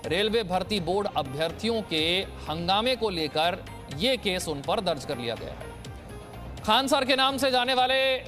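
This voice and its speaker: A man reading scripted news narration as an anchor, in a measured, explanatory way. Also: high-pitched, expressive. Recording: news voice-over with music. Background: music bed.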